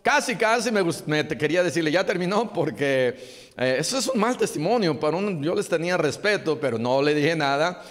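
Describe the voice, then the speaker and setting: A male pastor preaches earnestly, pressing his points home by repeating them. His voice sits a little high for a man. It rings out with a long reverb through a church hall. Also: lively intonation, brisk. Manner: earnest, exhorting, repeats key phrases. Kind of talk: sermon.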